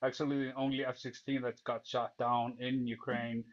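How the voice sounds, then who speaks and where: A man's voice: medium pitch, little pitch movement, moderate pace, dull audio, background noise. A man from Iceland, a guest debater in casual chat, who knows his subject and often restarts his sentences.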